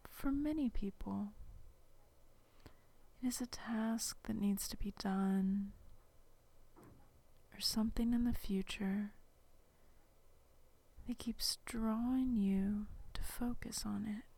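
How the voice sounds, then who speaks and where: A woman speaks entirely in a soft, unvoiced whisper, leading a guided relaxation with calm, drawn-out instructions. Her delivery is very slow, with a dark, mellow tone and a breathy, husky grain. She is recorded close to the mic in a dry space with no room sound. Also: mid-range voice.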